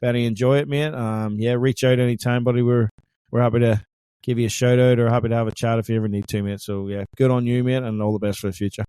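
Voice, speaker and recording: A man's voice: mid-range voice, little pitch movement, fast talker, warm tone, clean tone, dry recording, clean studio sound. A man co-hosting a casual sports podcast, chatty and joking, calling his co-host "mate".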